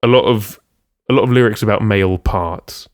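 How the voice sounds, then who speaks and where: A man's voice: fairly low pitch, normal speed, no room sound, clean studio sound. A man co-hosting a casual music podcast, rambling with many ums and restarts. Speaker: podcast co-host.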